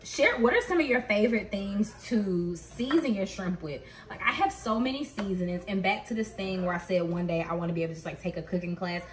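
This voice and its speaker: Her mid-range voice moves a little fast with few pauses as she, a thirtysomething mom vlogger, chats and laughs through a story while making dinner. It's a cook-with-me vlog filmed in her home kitchen. The audio is echoey, picked up by a camera mic from across the room.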